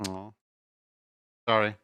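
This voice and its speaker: A man's voice: slow pace, sharp tone, no room sound, studio quality. A man hosting a livestream, talking casually to his viewers. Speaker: livestream host.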